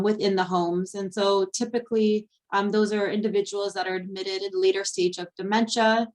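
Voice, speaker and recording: A young adult woman presenting a slide webinar, explaining step by step with frequent ums and fillers. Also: medium pitch. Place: Ontario.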